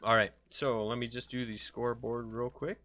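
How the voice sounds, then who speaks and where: Guy casting a game stream, bright voice, swears a lot, super casual. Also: medium pitch, level tone, moderate pace, no room sound. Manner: loose and chatty, swears freely. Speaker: esports caster. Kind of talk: casual live game commentary.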